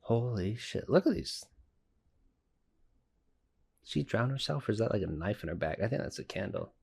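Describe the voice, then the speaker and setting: A man's voice: fairly low pitch, big pitch swings, normal speed, gravelly, darkish tone, slightly rough. A young man giving informal, sweary, blurted commentary as he watches an anime. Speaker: reaction video host.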